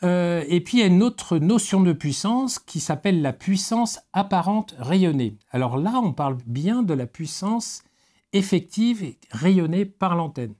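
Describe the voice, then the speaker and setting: A man's voice: sits high, expressive, measured pace, a little mellow. A man from France giving a technical webinar lecture, explaining with many hesitations and fillers and the odd joking aside. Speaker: technical specialist presenter.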